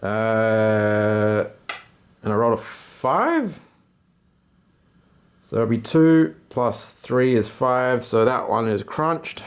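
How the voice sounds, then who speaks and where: A man's voice: on the low side, expressive, extremely slow, pauses often. A man giving casual running commentary as he plays a tabletop game alone, with slangy, self-deprecating asides. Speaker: host and player of a solo tabletop game.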